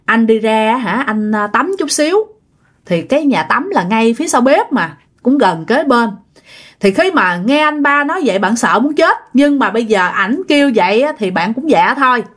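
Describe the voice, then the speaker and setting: A woman's voice: fairly high pitch, very animated, moderate pace, fairly bright tone, husky. A woman with a Southern Vietnamese accent, narrating a ghost story in a chatty way that talks straight to her listeners. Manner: chatty, addresses listeners directly.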